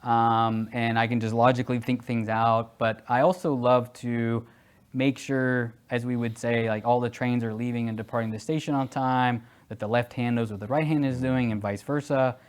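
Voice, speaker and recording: A man in his forties answers quick-fire interview questions in a casual, conversational way. He hesitates often and fills pauses, then warms up and grows animated. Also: medium pitch, clear, resonant tone. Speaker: guest, security executive.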